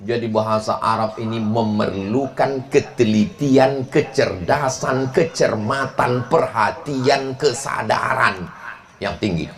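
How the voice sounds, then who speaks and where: A middle-aged male preacher, giving a humorous sermon to a crowd and drawing out his Arabic recitation. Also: medium pitch. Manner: playful, jokes and chuckles, drawn-out Arabic recitation. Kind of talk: humorous sermon to a live audience.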